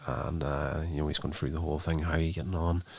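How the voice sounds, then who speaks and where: Low gravelly man recapping a show. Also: level tone, fast talker. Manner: loose, rambling retelling full of "uh" fillers. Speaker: show host reviewing a TV episode. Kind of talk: casual spoken recap.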